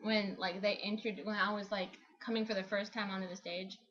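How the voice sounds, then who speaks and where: A woman's voice: medium pitch, flat delivery, fairly quick, fairly bright tone. A young woman co-hosting a vlog, chatting casually and rambling with many "like"s. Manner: rambling, full of "like". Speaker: co-host vlogger. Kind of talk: casual chat. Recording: dull lo-fi home video.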